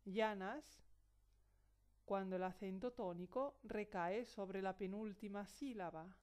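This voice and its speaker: Lady teacher going thru a grammar lesson reel slow, careful, really clean smooth voice. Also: mid-range voice, darkish tone. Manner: slow, careful, spells out example words. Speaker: Spanish teacher.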